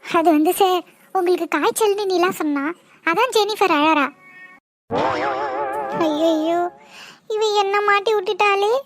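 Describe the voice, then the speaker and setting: A woman's voice: very high-pitched, unhurried, long pauses, dry recording, soft background music. A woman voicing a timid young college girl who speaks hesitantly in a cartoon. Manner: hesitant, flustered. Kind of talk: cartoon voice acting.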